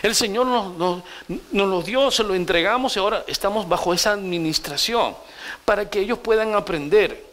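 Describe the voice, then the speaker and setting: Middle-aged pastor guy preaching, fairly high voice, lively, keeps asking the crowd questions. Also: moderate pace. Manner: animated storytelling preacher, asks the congregation questions. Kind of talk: sermon.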